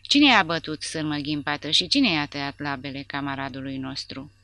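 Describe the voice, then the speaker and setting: In an audiobook, a woman voices a brutal, mocking male soldier interrogator who sneers and hurls threats at his prisoners. The menacing voice is low and gravelly with a bright edge, level in tone. The sound is close and completely dry, with no room sound.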